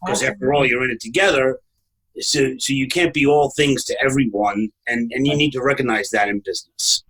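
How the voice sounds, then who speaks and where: A man with a Brooklyn accent hosts a casual interview. His voice is husky and rough-edged, and he talks conversationally. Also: mid-range voice, a little fast, fairly bright tone, rough recording. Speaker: show host.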